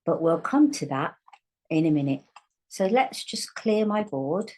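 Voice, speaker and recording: Woman, low-ish voice, slow deliberate phonics teacher, sounds out each letter patiently. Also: sing-song, darkish tone, rough recording. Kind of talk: recorded online spelling lesson.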